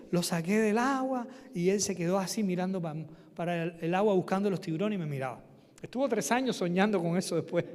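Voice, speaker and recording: A young man, giving an animated testimony from the pulpit of a church and crying out the shouts he is retelling. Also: high-pitched. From Cuba. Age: young adult. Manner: animated storytelling, shouting out quoted cries. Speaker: guest preacher. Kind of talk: testimony sermon. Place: church sanctuary. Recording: long church reverb.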